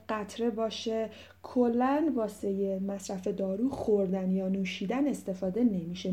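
Mellow-voiced woman teaching. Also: medium pitch. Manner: reads English examples slowly and clearly, then explains casually. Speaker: English teacher. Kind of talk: language lesson in Persian.

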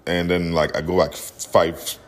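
A man's voice: low voice, level tone, a little slow. A man hosting a podcast, casually telling a story in a laid-back way and laughing as he goes. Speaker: podcast host.

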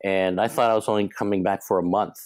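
A man from Hong Kong, in his thirties, telling his story as a podcast guest in a relaxed, rambling way with fillers. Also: sits low, fast talker, no room sound, poor audio. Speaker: guest, startup co-founder. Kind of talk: casual interview talk.

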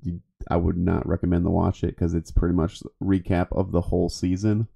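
A man co-hosting a podcast, chatting casually about anime with a rambling, halting delivery. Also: low-pitched, level tone, creaky, dark tone. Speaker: podcast co-host.

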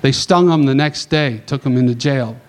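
A man on a conference panel telling a long anecdote in a casual, animated way, acting out the dialogue and tossing in quick asides. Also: medium pitch. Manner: animated, acts out dialogue, chatty asides with "right?".

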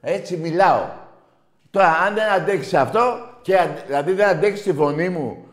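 A man hosting a call-in sports radio show, loud and mocking as he argues with callers. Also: high voice, reverberant. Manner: loud, shouting and mocking rival fans. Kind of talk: heated call-in sports banter.

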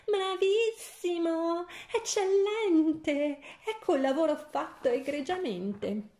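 A shrill, screeching wicked queen from a storybook, as a woman reading aloud puts her on. She drags her words out high and slow, full of vanity and spite, with a mellow darker tone underneath and a roomy echo around her. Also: lively intonation. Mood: gloating. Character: shrieking vain wicked queen, adult woman.

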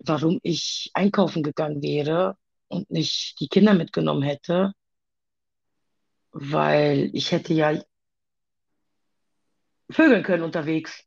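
A woman talking haltingly about her own past in a personal conversation, with many pauses and fillers. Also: low-pitched, vocal fry, darkish tone, husky, lo-fi sound.

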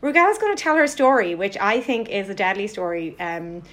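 A bubbly woman hosts a casual podcast interview, her voice sitting at an ordinary middle pitch. She talks excitably and breaks into laughter often. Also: brisk. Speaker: podcast host. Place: Kent, United Kingdom.

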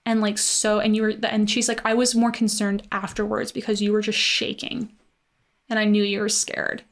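A young woman casually telling a story, chatty and full of "like" fillers, animated in her retelling. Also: medium pitch, moderate pace, gravelly.

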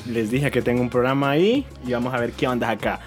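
A man's voice: medium pitch, fast talker. Man, host, casual joking chat, rambling, laughing, faint background music.

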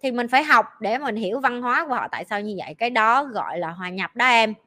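A woman with a Southern Vietnamese accent, a life coach talking in a casual advice podcast, animated and joking as she tells stories. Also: on the high side, quick pace. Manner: animated storyteller who acts out quotes and jokes with mock swearing.

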